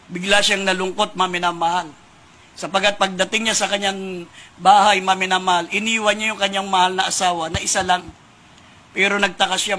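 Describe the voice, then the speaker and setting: A male preacher from the Philippines tells a moral story in an emphatic sermon, calling his congregation beloved at nearly every turn. His voice is high and bright. His pitch stays fairly level throughout.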